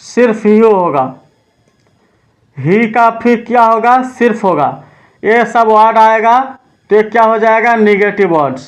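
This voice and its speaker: A man's voice: sits high, normal speed. A man teaching an exam-prep vocabulary lesson. He asks a question and then answers it himself, repeating each word pair.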